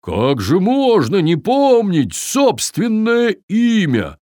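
A man's voice: medium pitch, wildly swooping pitch, takes it slowly, no echo, clean studio sound, full character voice. A man doing a plucky little viking. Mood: earnest. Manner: shouty, earnest. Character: brave little male viking, earnest.

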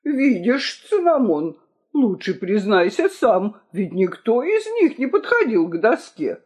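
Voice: medium pitch, big pitch swings, measured pace, husky. Tolstopuz, a blustering fat king, voiced by the reader. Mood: indignant. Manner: indignant shouting. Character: pompous fat king, quick-tempered. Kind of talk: storybook reading. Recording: dull lo-fi recording.

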